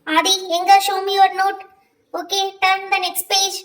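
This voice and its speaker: Nagging, lecturing doll-show teacher, played by a woman, shrill and off-mic. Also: level tone, extremely slow, a bit bright, distant mic, full character voice. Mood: scolding. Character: strict scolding female schoolteacher. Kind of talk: doll-play voice acting.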